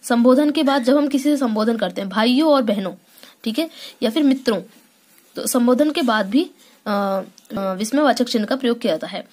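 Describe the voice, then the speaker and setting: Higher-pitched woman teaching a grammar lesson. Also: a little fast, darkish tone. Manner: explains step by step with frequent hesitations and check-ins. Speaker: school teacher.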